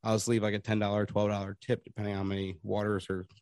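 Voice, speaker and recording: A man's voice: fairly low pitch, flat delivery, very fast, darkish tone, a little hiss or hum. Rambling, laughing storytelling man. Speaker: podcast guest. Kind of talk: casual chat.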